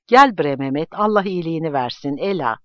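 A man voicing an older woman, a lively, exclamatory hostess in an audiobook. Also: on the high side, fairly quick, no echo, highs cut off, close to an everyday voice. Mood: cheerful.

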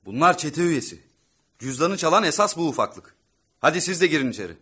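A man's voice: on the high side, expressive, a little fast, pushed and bright, slightly rough, heavily acted. A man playing an insistent, dutiful police officer in a radio play. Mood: reporting. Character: adult male police officer reporting arrested thieves.

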